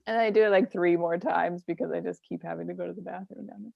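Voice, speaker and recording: Gravelly-voiced woman, laughing storyteller. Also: on the low side, steady tone, fast, no room sound, lo-fi sound. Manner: laughs often, acts out quoted voices. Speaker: comedian guest. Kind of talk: casual storytelling.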